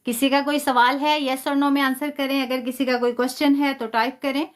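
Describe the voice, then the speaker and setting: A woman's voice: high voice, little pitch movement, normal speed. A woman teaching a live online Quran lesson, patiently explaining step by step, stretching demonstration syllables and often praising students.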